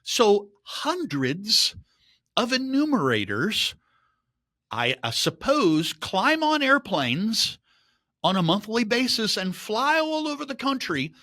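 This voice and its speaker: A man's voice: high voice, big pitch swings, takes it slowly, bright, forceful tone, dry recording, clean studio sound. A man hosting a podcast, giving opinionated market commentary in a sarcastic, emphatic way that rises to indignant outbursts. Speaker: podcast host.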